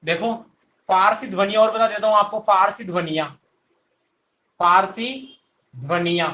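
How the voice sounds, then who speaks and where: A man's voice: sits high, a little slow, bright, forceful tone. A male teacher giving an online class, quizzing students with repeated questions and answering them himself. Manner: answers his own questions.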